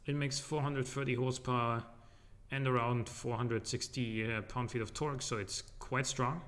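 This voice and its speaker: A man's voice: medium pitch, steady tone, moderate pace, fairly bright tone. Man streaming from an echoey empty room. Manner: rambling, loose and joking, with many fillers. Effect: echo from a large empty room. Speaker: game streamer. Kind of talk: casual live-stream commentary. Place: large empty living room, indoors.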